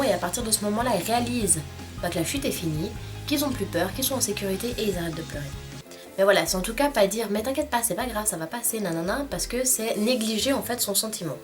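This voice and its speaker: A young woman, talking casually to camera in a vlog and filling her speech with "euh" and "bah". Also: medium pitch. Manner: chatty, many fillers like "euh" and "bah". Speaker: vlogger.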